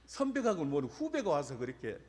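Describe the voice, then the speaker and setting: A man's voice: a little high, quick pace, breathy edge. A middle-aged Korean man, a pastor preaching a sermon and telling personal stories, acting out the dialogue in them. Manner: animated storytelling, acts out dialogue. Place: church sanctuary. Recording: long reverb of a church hall.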